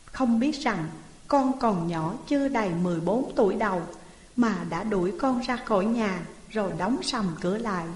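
A woman's voice: a little high, a little mellow, close to an everyday voice. A pitiful, mistreated orphan boy of thirteen in a spoken folk tale, voiced by a woman reader. He pleads in a tearful voice. The sound carries a long, roomy reverb.

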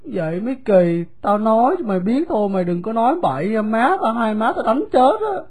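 A woman with a Southern Vietnamese accent voicing a poor, gentle young boy who talks in a soft, plain, confiding way. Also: on the high side, very animated, brisk, breathy edge.

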